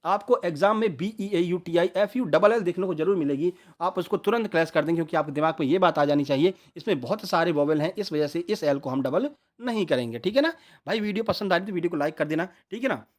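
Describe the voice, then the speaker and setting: A man's voice: on the high side, fast. A man, teaching an online exam prep lesson, spelling words out letter by letter and checking in with his listeners often.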